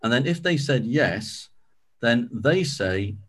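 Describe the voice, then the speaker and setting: A man's voice: mid-range voice, lively intonation, takes it slowly, fairly bright tone, husky. A man leading a Bible study, explaining in a conversational way with frequent ums and restarts. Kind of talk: informal teaching talk.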